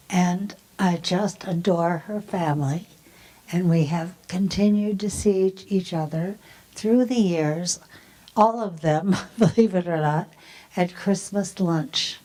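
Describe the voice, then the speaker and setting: Woman, slow and mellow, giving a soft heartfelt memorial speech. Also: lowish voice, low-quality recording. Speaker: memorial speaker. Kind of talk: personal remembrance speech. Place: memorial service hall.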